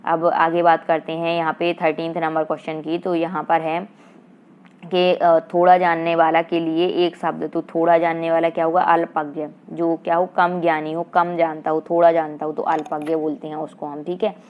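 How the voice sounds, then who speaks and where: A woman teaching an exam-prep grammar lesson with a Madhya Pradesh Hindi accent, asking rhetorical questions and answering them herself, and reading verse lines slowly. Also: low voice, flat delivery, clean tone. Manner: slow sing-song recitation of verse lines. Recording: dull lo-fi online class audio.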